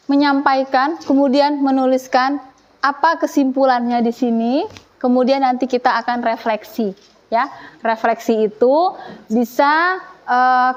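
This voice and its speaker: A woman teacher leading a classroom, questioning and gently teasing her students as she runs the lesson. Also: high-pitched, muffled recording. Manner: playful, teasing, coaxing students.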